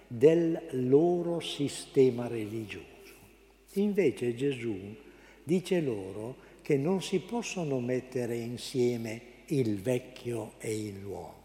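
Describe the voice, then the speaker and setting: A priest giving an unhurried homily, pausing and searching for words. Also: male voice, mid-range voice, mellow, reverberant, in a large hall.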